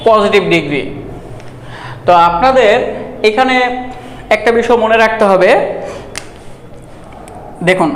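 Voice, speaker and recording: A man teaching a grammar lesson at a board, explaining step by step and slowly repeating words to count their syllables. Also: high-pitched, a little hiss or hum. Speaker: English teacher. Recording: echoey room.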